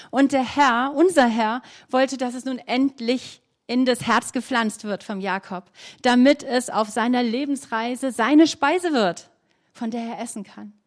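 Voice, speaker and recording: A woman preaching a sermon, earnest, asking her listeners questions and reading scripture slowly with emphasis. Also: on the high side.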